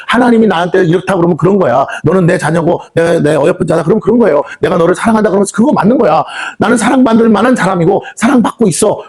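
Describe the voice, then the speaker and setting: Fast-talking preacher man, quizzing the crowd. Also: on the high side, darkish tone. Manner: call-and-response questions to the congregation; acts out quoted reactions with sighs. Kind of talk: sermon. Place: prayer house meeting hall.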